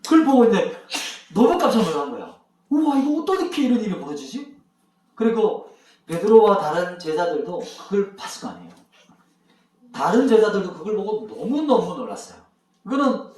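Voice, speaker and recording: A man's voice: high voice, big pitch swings, fairly quick, darkish tone. A male pastor telling a Bible story to children, asking them questions as he goes. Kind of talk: children's sermon. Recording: echoey room, mic far off.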